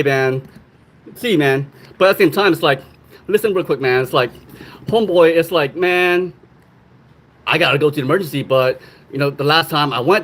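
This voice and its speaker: A man's voice: on the high side, fairly bright tone, breathy edge. A young man from Long Beach, California, telling loose slangy stories on a casual livestream, laughing often.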